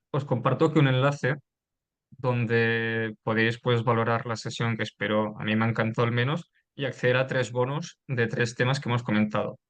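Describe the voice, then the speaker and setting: Polite male webinar host. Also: medium pitch. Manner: polite, wrapping up and giving instructions. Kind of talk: hosting a webinar.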